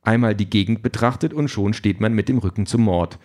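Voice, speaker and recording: A man's voice: fairly low pitch, fairly quick, a little mellow. A man narrating an audiobook in a dry, wry storytelling manner. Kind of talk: scripted narration.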